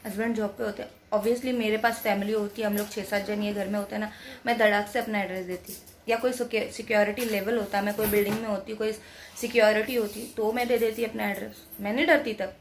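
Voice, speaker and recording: A woman's voice: medium pitch, steady tone, fairly quick, slight background noise. A young woman vlogging from home, chatty and emphatic, repeating her points. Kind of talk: casual to-camera vlog talk.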